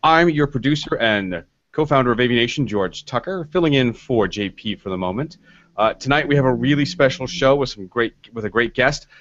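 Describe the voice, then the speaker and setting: A man's voice: medium pitch, lively intonation, a little fast, a bit bright, dull audio. A man, the show's producer, opening the podcast with an upbeat welcome before handing off to the host. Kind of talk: show opening.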